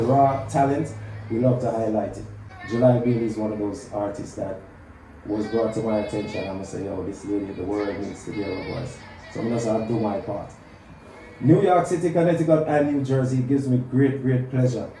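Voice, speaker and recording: Upbeat radio host hyping a guest. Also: male voice, lowish voice, mellow. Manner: upbeat, repetitive hype, stumbling restarts. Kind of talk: radio interview. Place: radio studio. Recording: echoey, distant, with music.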